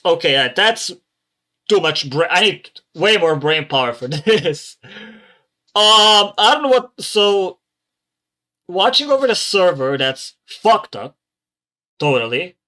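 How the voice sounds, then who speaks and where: A man's voice: high-pitched, very animated, slow pace, sharp tone. A man hosting a reaction channel who comments in a casual, rambling way and swears often.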